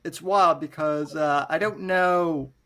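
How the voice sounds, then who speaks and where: A man's voice: fairly high pitch, steady tone, slow, fairly bright tone. A man, hosting a casual podcast interview and speaking with hesitant, thoughtful phrasing. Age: 20s. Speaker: podcast host.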